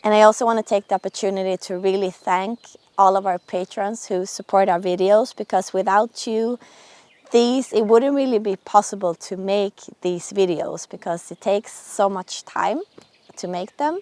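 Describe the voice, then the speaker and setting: A woman's voice: medium pitch, steady tone, normal speed, darkish tone, no room sound. A woman hosting a vlog, talking casually and directly to her viewers. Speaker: sailing and boat-building vlogger, host.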